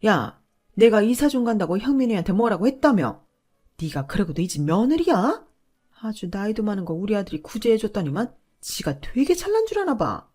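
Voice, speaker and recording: A woman doing a shrill scolding mother-in-law. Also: expressive, normal speed, close to an everyday voice. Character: domineering loud middle-aged mother-in-law.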